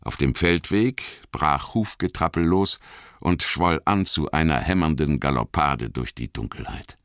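Male narrator, extremely low voice, dramatic storytelling, dry booth sound. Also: a little slow, a bit bright, smooth, no echo. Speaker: audiobook narrator.

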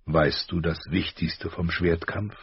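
A man voicing a grave, gentle noble father in an audiobook, slow, soft-spoken and weighty, with a husky voice. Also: low-pitched, fairly even intonation, dry recording, muffled recording, heavily acted. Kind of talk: audiobook character voice.

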